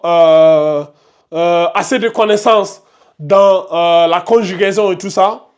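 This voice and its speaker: High-voiced man teaching a patient lesson. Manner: patient, repeats terms, asks "vous voyez?" often. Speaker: Quran recitation teacher. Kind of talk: live online tajwid lesson.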